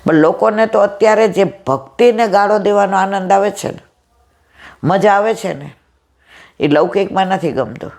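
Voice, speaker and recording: A middle-aged woman with a loud, powerful voice, giving a devotional storytelling discourse and acting out the dialogue in her stories. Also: medium pitch, normal speed, creaky. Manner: retells stories with quoted dialogue. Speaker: satsang speaker.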